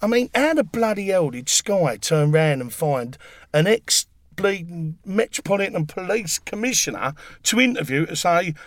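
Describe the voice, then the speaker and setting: Bloke ranting about football, swears a lot, kinda high voice, dry close sound. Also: male voice, very animated, moderate pace, no echo. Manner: rowdy, swears freely, jokey banter. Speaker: football fan pundit. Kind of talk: casual chat.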